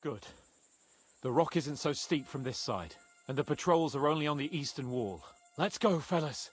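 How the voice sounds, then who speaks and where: An actor playing a male soldier in a video game who gives calm, matter-of-fact orders while leading a stealthy raid. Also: a little high, normal speed, natural voice. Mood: steady.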